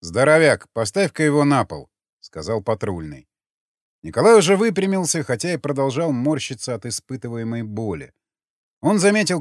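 Мужчина-чтец с живой интонацией. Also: male voice, mid-range voice, darkish tone, no room sound, studio quality. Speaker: audiobook narrator. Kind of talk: scripted narration.

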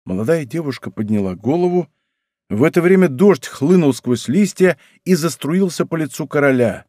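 A man narrating a historical novel as an audiobook in a measured, scripted storytelling manner, close to a studio microphone. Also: a little high, lively intonation, dark tone, no echo. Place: recording studio.

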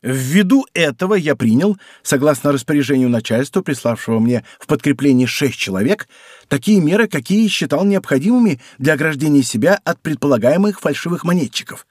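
A man's voice: a little high, lively intonation, brisk, breathy edge, dry recording, studio quality. A man voicing a frightened, servile innkeeper who pleads and whines. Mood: anxious. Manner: whining, servile.

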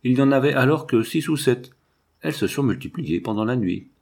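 A man voicing a calm, curious young male scientist who speaks reassuringly. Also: medium pitch, fairly quick, vocal fry. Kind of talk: audiobook reading.

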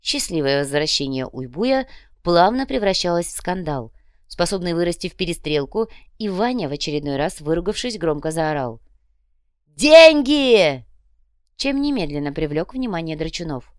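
A woman narrating an audiobook in an even, measured storytelling manner. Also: low-pitched, dry recording, studio quality. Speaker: audiobook reader. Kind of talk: scripted narration.

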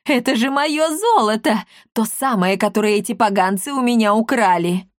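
A woman voicing a loud, hot-tempered female commandant who shouts and coos by turns. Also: medium pitch, lively intonation, a little slow, no room sound, studio quality, lightly acted. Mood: angry, outraged. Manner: shouting, then cooing sweetly.

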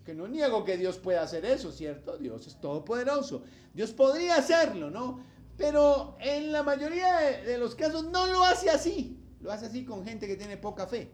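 A man's voice: very high-pitched, normal speed. A man preaching a sermon as pastor, speaking, asking his congregation questions and acting out the voices of the people in his examples. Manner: animated preaching, acts out quoted voices, asks the congregation questions.

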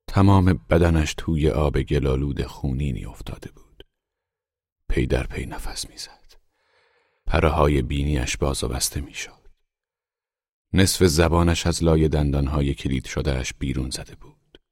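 A man reading a literary short story aloud in a measured, even way. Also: extremely low pitch, no echo, studio quality. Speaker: audiobook narrator. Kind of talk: scripted literary narration.

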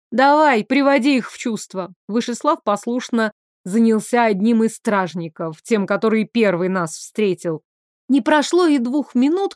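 A woman's voice: fairly high pitch, no room sound, studio quality. A woman narrating a first-person audiobook in a sardonic, wry storytelling manner.

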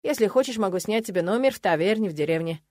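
A laconic young male necromancer speaks in short, mild, understated phrases, as a woman reading the book puts him on. The voice sits at an ordinary middle pitch and is recorded dry and close, with no room around it. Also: animated, fast, a little mellow, no echo, lightly acted. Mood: calm.

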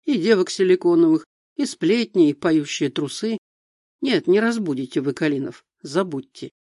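A man's voice: a little high, expressive, moderate pace, warm tone, dry recording, studio quality. A man reading a big skeptical joker. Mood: mocking. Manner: wry, skeptical.

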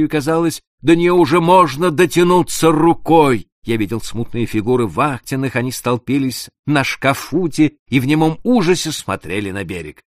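A man reading a tense sea story aloud as narrator, measured and dropping to a hush at tense moments. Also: mid-range voice, no echo, studio quality. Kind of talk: dramatic audiobook narration.

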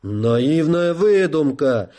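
A man voicing a cowardly, pompous general who keeps breaking into a shrill falsetto. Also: animated, extremely slow, mellow. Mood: insistent. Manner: frantic, insistent.

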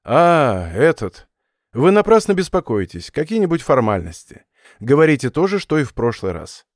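A man's voice: a little high, big pitch swings, moderate pace, dry recording, clean studio sound. A man reading an audiobook voices a curt, irritable male spy posing as a captain, talking dismissively.

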